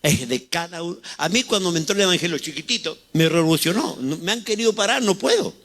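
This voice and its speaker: Fervent Chilean pastor, lively pitch. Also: male voice, quick pace. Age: 60s. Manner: fervent, rhetorical questions to the congregation. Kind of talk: sermon.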